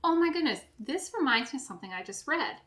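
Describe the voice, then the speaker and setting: A woman co-hosting a podcast in casual chat, giggly and quick, with lots of filler words. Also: sits high, animated, a bit bright. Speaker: podcast co-host.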